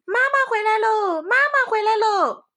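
A woman voicing a group of excited little bunnies in a bedtime story. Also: unhurried, full character voice. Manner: shrill, chanting in chorus.

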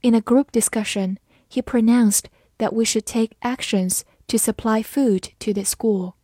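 A woman teacher reading out an English word list, saying each word twice and giving its meanings in an even recitation. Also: a little high, a little slow, no echo. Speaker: vocabulary teacher.

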